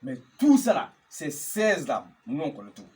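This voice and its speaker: A man's voice: fairly high pitch, big pitch swings, unhurried, darkish tone. A man, teaching geomancy as a marabout, chanting formulas over and over and often asking if listeners follow. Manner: often checks understanding with questions. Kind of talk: instructional talk.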